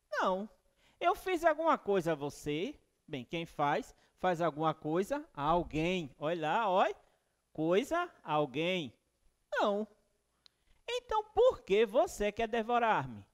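A man in his forties teaching a class in a classroom, speaking with a northeastern Brazilian accent into a headset mic. He explains step by step and often repeats a phrase as a teaching pattern. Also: sits high. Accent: Brazilian Portuguese, northeastern. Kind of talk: recorded classroom lesson. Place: classroom with whiteboard.

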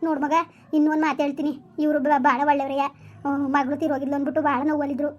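A woman's voice: high-pitched, little pitch movement, very fast, dull audio, natural voice. A woman playing a middle-aged village housemaid with a drawl, in a family drama skit. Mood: confiding.

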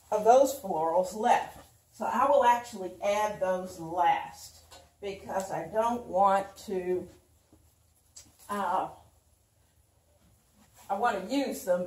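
Older woman, home decor host, slow chatty demonstration, recorded by a far camera in an echoey dining room. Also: medium pitch, darkish tone. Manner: chatty, unhurried, talks while working with her hands. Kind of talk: casual how-to demonstration. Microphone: camera mic from across the room. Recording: roomy echo, voice from a distance.

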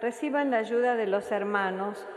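A woman serving as lay reader at Mass, reading the prayers of the faithful in a measured, even way, with a cathedral echo around her voice. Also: fairly high pitch. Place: large church. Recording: echoey church with long reverb.

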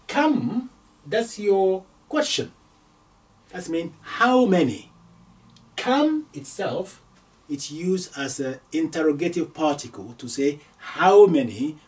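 A man's voice: on the high side, recorded from a distance. A man teaching a spoken lesson, repeating each word and explaining it in English with small slips. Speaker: Arabic teacher. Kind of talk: slow spoken language lesson.

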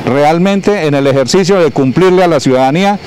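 A man's voice: on the high side, brisk. A middle-aged man, a community leader speaking earnestly and indignantly into a reporter's handheld microphone outdoors, repeating phrases for emphasis. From Colombia. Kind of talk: street interview. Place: outdoors by a building in town. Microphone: handheld reporter mic. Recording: outdoor street noise.

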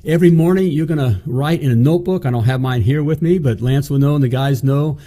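On a motivational business show recorded in an indoor studio, the middle-aged host talks fast and emphatically into a studio mic on a stand. His voice is fairly high-pitched yet dark in tone. "Okay?" and "you know" come up often as he checks in.

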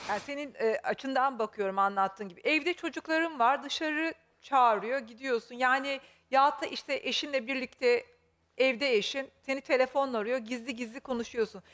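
A woman on a TV talk show questions a guest in a high voice. She stays calm and methodical, building her questions one step at a time. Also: moderate pace. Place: TV studio.

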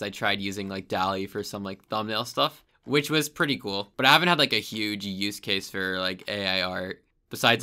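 A young man with a low but bright voice talks loosely as a podcast guest. He is a game developer who fills nearly every phrase with "like". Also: clean tone. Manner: loose and filler-heavy, says "like" constantly. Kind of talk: casual chat.

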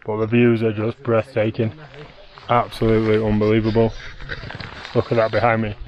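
A lowish, monotone male voice at a moderate pace belongs to a travel vlogger in his thirties hiking a mountain trail. He narrates casually to a handheld action camera at arm's length, breathless but cheerful and upbeat. The sound is lo-fi.

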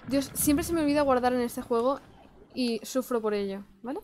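A woman's voice: sits high, moderate pace, darkish tone, soft background music. A young woman from Spain with a Spain Spanish accent, commenting on her gameplay in a self-mocking, exasperated way. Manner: self-mocking, exasperated, frequent laughs and outbursts. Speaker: gaming streamer. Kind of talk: casual let's play commentary.

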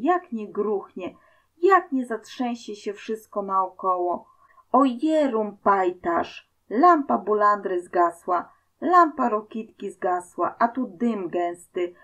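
A woman narrating a folk tale aloud at an unhurried, slow pace. Her delivery is expressive and vivid. Her voice sits at an ordinary middle pitch. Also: vocal fry, poor audio. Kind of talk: storybook reading.

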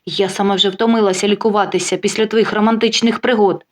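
Жінка озвучує спокійну, гостру на язик дружину, яка сухо й насмішливо відповідає чоловікові. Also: female voice, mid-range voice, steady tone, lightly acted. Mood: dry. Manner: dry, mocking, unhurried. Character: calm, sharp-tongued wife getting even.

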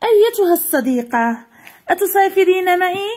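A woman's voice: very high voice, expressive, normal speed, darkish tone, voice pushed up. A woman reading a children's story aloud, voicing a female wind that keeps inviting others to travel with her. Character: restless female wind looking for a companion.

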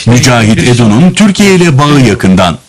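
A man's voice: medium pitch, big pitch swings, normal speed, a little hiss or hum, low-quality recording. A man reads scripted news narration as a reporter. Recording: voice-over above loud crowd sound. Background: ceremony crowd.

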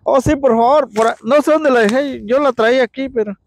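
A man's voice: extremely high pitch, brisk. A middle-aged man from Guatemala chatting casually about his fishing on a windy lakefront pier, recorded on a body camera. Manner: relaxed, chatty, laughs easily. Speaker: angler vlogger. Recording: outdoor wind and water noise.

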